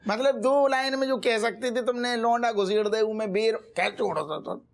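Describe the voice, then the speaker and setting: A man's voice: high-pitched, normal speed, creaky. An actor playing a bumbling male village police constable, blustering and exasperated. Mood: pleading.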